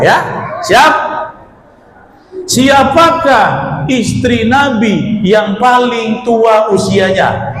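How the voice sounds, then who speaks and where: A man's voice: high-pitched, slight background noise. A man preaching, running a joking quiz with the congregation and teasing and calling out to the crowd in a mosque hall. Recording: echoey hall, faint room ambience.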